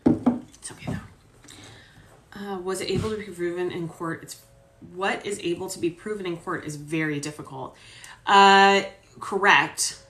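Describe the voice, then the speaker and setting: A woman's voice: fairly low pitch, steady tone, normal speed, a bit bright, a little hiss or hum. A woman lawyer giving casual legal commentary, explaining points conversationally with fillers. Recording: roomy echo.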